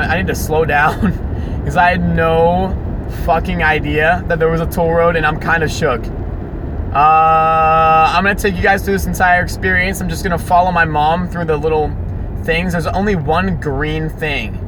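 A young man rambling to listeners while he drives, captured as a phone voice-recorder memo inside a car on the highway. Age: young adult. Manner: chatty, loose and self-interrupting. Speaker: podcast host. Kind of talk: rambling solo talk while driving. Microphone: phone voice recorder app. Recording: phone memo with loud road noise. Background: loud road and traffic noise.

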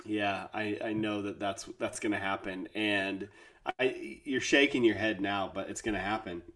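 A man's voice: on the low side, steady tone, moderate pace, a bit bright. A man co-hosting a podcast, chatting casually and joking with his co-host over a remote call. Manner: playful, joking, laughs often. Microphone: remote call recording.

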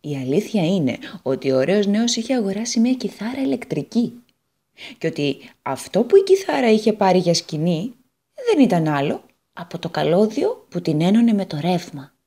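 A woman storyteller reading a children's story aloud on a radio show, in a calm, measured way. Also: medium pitch, slightly rough.

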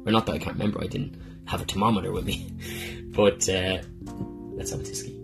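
A man with a low, gravelly voice hosts a podcast, talking through a rambling, heartfelt monologue and swearing freely along the way. Plucked guitar music plays clearly behind him. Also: little pitch movement, a little fast. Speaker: podcast host. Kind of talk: casual personal monologue.

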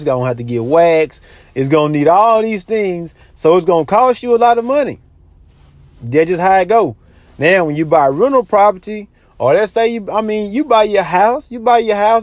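Brief: man with a high voice, recorded close and dry, casually and repetitively lecturing about money. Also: a little mellow, dry recording. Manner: repetitive, lecturing, says "you know what I'm saying" a lot. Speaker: money advice vlogger. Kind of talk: casual advice monologue.

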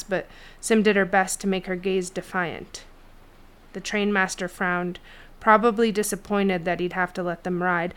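A woman narrating a fantasy novel chapter in a steady storytelling read. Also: mid-range voice, clean tone. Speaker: audiobook narrator. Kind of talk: scripted fiction narration.

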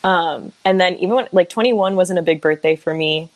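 Animated young woman telling a story. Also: fairly low pitch, moderate pace, dry recording. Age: 20s. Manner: animated storyteller, acts out quotes. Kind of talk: casual storytelling chat.

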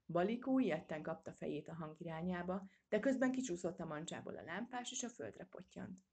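A woman reading a children's storybook aloud in a steady, measured way. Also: on the low side. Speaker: audiobook reader. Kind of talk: storybook narration.

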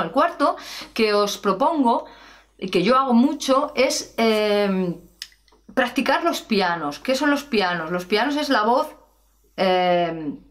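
A woman, giving a chatty singing lesson and demonstrating exercises as a vocal coach. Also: mid-range voice. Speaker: singing teacher.

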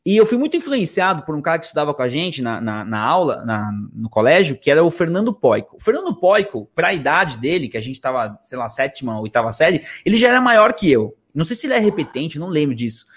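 A man in casual chat, animated, mimicking other as he tells stories. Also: fast talker, hardly any pauses. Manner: animated, mimics accents with big pitch jumps.

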